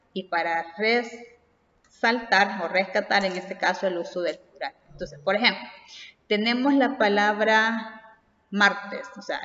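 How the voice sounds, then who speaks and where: A woman teacher giving a grammar lesson, speaking slowly and deliberately and often asking rhetorical questions. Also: medium pitch, fairly bright tone. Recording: roomy, long reverb, dull lo-fi sound.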